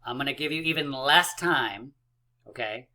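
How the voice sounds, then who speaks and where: Upbeat bright-voiced male math coach. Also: medium pitch, normal speed. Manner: upbeat, chatty, many fillers. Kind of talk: kids' math lesson.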